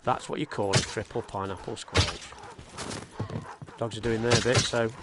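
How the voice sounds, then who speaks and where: A man's voice: lowish voice, steady tone, measured pace, very noisy. A man giving casual, chatty commentary while playing a shooting game, explaining the controls as he goes with plenty of fillers. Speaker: gaming video creator. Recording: loud game gunfire behind the voice. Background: loud gunfire and game sounds.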